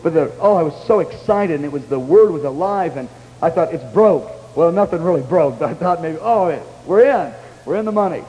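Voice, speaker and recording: A man preaching a testimony in a sermon, telling his story with animated, excitable exclamations. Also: on the high side, a little fast, in a large hall, muffled recording. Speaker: pastor.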